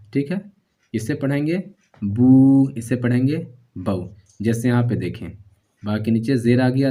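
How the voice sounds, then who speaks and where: A man's voice: medium pitch, dark tone. A man teaching Quran reading step by step. He is patient, repeats each sound, and draws out the syllables.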